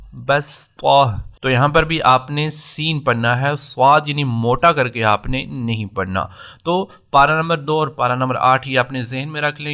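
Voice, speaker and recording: A man gives a patient tajweed lesson on Quran recitation. He lays out each rule step by step and circles back to repeat the key points. His voice is bright and forward. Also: mid-range voice.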